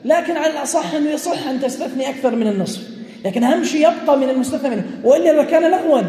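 A man's voice: very high-pitched, warm tone. A man teaching a classroom lesson in Islamic jurisprudence, explaining through examples, quizzing his students and chuckling often. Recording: echoey hall with long reverb.

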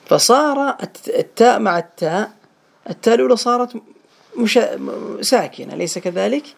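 A male teacher speaks quickly through a gravelly, creaky voice. He is patient with his students. He keeps asking questions to check that they follow. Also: high voice, expressive. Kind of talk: teaching a small online class.

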